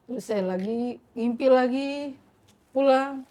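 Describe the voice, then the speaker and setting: A woman's voice: on the high side, unhurried, mellow. A middle-aged woman, a podcast guest, telling her life story with feeling and acting out her own past words and prayers. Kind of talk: emotional personal storytelling.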